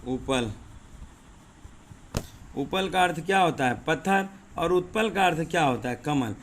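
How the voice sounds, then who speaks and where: A male teacher giving an exam-prep lesson, explaining word pairs slowly and repeating them, often asking rhetorical questions. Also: a little high, expressive. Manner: says 'dekhiye' and 'thik hai' often.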